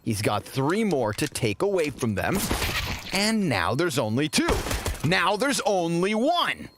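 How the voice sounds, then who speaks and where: An excitable male play-by-play caller on an esports broadcast, his voice sitting a bit high and swinging up and down a lot. Game gunfire and clicks keep going clearly behind him. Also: slow pace, background noise. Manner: excited, rising with the action. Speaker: play-by-play commentator.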